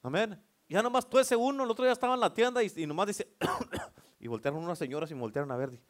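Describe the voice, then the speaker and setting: Man, pastor preaching, high voice, rising to fervent shouts. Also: lively intonation, very fast. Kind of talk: sermon.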